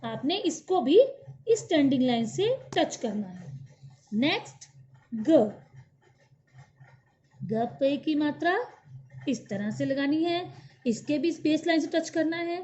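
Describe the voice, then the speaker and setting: A woman with a high, mellow voice teaches young children their letters slowly and patiently. She sounds out each syllable clearly so the class can repeat after her. The recording is dull and lo-fi. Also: expressive, a little hiss or hum. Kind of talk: slow Hindi alphabet lesson for young children.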